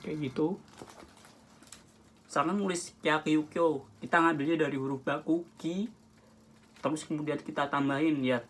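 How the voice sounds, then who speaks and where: A man's voice: fairly high pitch, steady tone, normal speed, pauses often, fairly bright tone. A man giving a casual, rambling Japanese script lesson, with many restarts and self-corrections. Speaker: Japanese language tutor. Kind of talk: casual home-made lesson.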